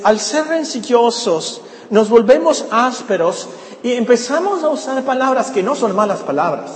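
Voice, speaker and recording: A man's voice: high voice, slight background noise. A man preaching a sermon as pastor, emphatic and repeating his key words. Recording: roomy echoey hall with faint ambience.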